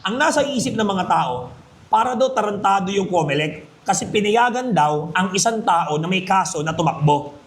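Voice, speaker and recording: Emphatic high-voiced man lecturing. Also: animated, normal speed. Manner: emphatic, jokey, keeps asking "Maliwanag?". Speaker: criminology review lecturer. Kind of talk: Taglish review lecture. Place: classroom. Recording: echoey room.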